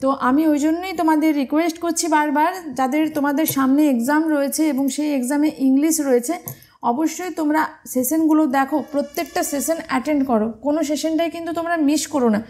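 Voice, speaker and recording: A woman's voice: high-pitched, fairly even intonation, a little fast, a little mellow. A woman from teaching an exam-prep grammar lesson, patient and step by step, asking her students questions as she goes.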